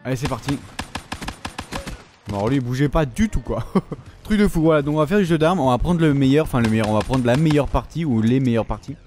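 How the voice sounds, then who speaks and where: A man commentating his own gameplay, excitable, swearing often and yelping at the game, talking with his mouth full. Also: medium pitch, quick pace, a little hiss or hum. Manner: excitable, swears a lot, shouts and yelps at the game. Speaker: gaming YouTuber.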